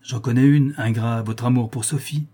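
A man voicing a young noblewoman in love, reading an audiobook of a classic novel with a soft, pleading delivery. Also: mid-range voice, steady tone, moderate pace, slightly rough, lightly acted. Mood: anguished. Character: young noblewoman, tender and impassioned lover.

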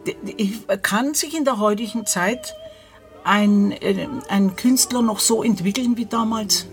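An older woman with a medium-pitched voice reflects in a documentary interview, haltingly searching for words and asking herself questions. Music plays in the background.

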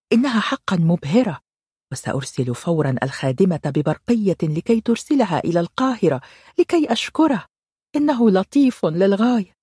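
A woman's voice: medium pitch, mellow, slightly rough, no room sound, clean studio sound, pitched above the performer's own voice. A woman voicing a young woman who pleads with childlike enthusiasm, in an audiobook. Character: eager, girlish young woman.

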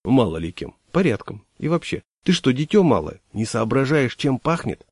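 A man voicing an evasive male official who talks in a hushed, conspiratorial, chummy way. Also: medium pitch, big pitch swings, moderate pace, husky, no room sound, studio quality. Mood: sly.

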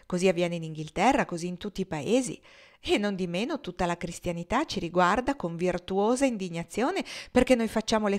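A woman reading aloud, voicing a sardonic wealthy gentleman who laughs mockingly as he talks. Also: lowish voice, lightly acted. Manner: mocking, laughs while talking. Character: sardonic wealthy Southern gentleman, cynical, amused.

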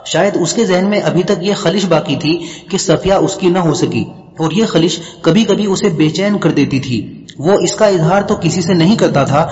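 Man, story narrator, audiobook reading, measured and even, slightly high voice, long reverb. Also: muffled recording.

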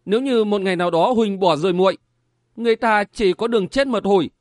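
A woman's voice: mid-range voice, quick pace, darkish tone, no echo, clean studio sound, close to an everyday voice. A man voicing a bashful young woman in a martial-arts romance audiobook, speaking in a coy, pleading tone. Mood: tearful pleading. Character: young shy lovestruck woman, bashful and teasing.

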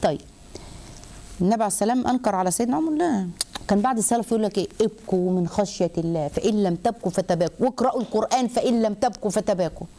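A woman with an Egyptian accent giving a religious lesson to women, lively and animated, asking herself questions as she goes. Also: medium pitch, racing. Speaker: religious teacher.

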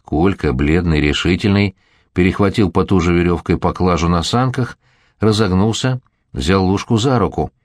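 Deep-voiced male audiobook narrator. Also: moderate pace, no echo, studio quality.

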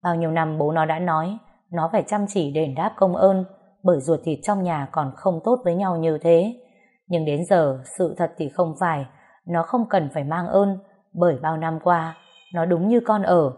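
A woman's voice: lowish voice, normal speed, mellow, close to an everyday voice. A woman voicing a wounded young wife who speaks coldly and bitterly. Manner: cold and bitter.

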